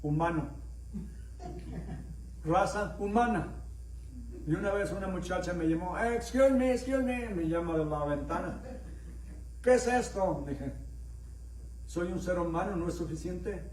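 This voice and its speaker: Heard from afar in an echoey church sanctuary, this middle-aged Mexican man speaks high-pitched with a darkish tone over slight background noise. As pastor, he delivers a conversational sermon full of stories, questions to the congregation, and dialogue acted out in raised voices. His Mexican accent is slightly mixed.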